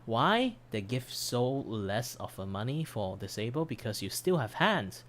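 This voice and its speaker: A man's voice: mid-range voice, sing-song, measured pace, a bit bright, a little hiss or hum. A man chatting casually on a livestream in a rambling, self-deprecating way, his voice starting to give out. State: losing his voice. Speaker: streamer, commission artist. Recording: background music under voice. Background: background music.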